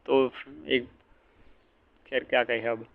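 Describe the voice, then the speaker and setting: A man's voice: mid-range voice, little pitch movement, slow, creaky, background noise. A male teacher giving an exam-prep lecture, asking and answering his own questions and repeating each point. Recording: dull lo-fi audio.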